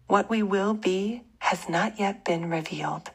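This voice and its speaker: Soft breathy woman, very slow bedtime prayer. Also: medium pitch. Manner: slow, gentle, measured. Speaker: guided bedtime prayer leader. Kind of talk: guided bedtime prayer and scripture meditation.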